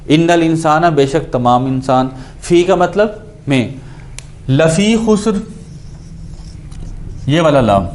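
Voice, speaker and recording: A man's voice: on the high side, darkish tone. A man teaching Quranic Arabic grammar, explaining each word and posing questions he then answers himself. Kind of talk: Urdu lecture on Quranic grammar.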